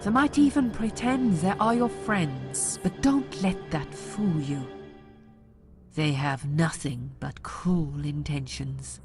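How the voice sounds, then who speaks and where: A woman's voice: low-pitched, slow, music in the background. An actress voicing a sinister, controlling otherworldly woman in a video game, solemn and menacing.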